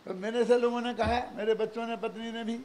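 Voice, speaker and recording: An older man giving a religious discourse, animated, full of rhetorical questions and chuckling asides. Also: very high voice, fairly quick, a little hiss or hum. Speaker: preacher.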